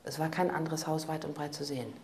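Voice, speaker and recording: A woman narrating a crime audiobook in a calm, even manner. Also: sits low, fast, slight background noise. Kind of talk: scripted narration.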